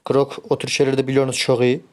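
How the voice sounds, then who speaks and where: A man giving casual, excitable commentary as he plays a mobile game, grumbling and cursing at his teammates. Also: medium pitch, very fast. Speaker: gameplay streamer.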